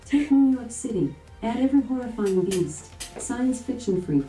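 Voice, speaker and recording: A synthetic female voice assistant answering questions in even, scripted phrases. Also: a little high, moderate pace, echoey room, soft background music, poor audio. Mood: flat. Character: female smart-speaker voice assistant. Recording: smart speaker heard from across the room.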